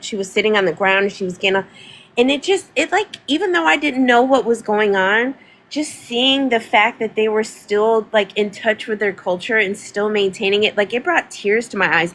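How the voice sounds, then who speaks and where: A woman's voice: medium pitch, fairly bright tone, low-quality recording. A woman, talking casually and emphatically on a livestream, repeating words for stress. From North Carolina, US. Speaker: livestream host.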